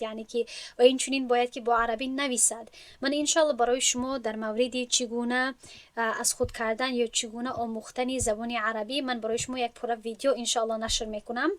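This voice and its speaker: Woman, lecturing teacher, earnest, somewhat high voice, dry close sound. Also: no room sound. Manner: earnest, instructive, repeats points with "that is". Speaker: teacher at an Islamic school for women. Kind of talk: lecture to students.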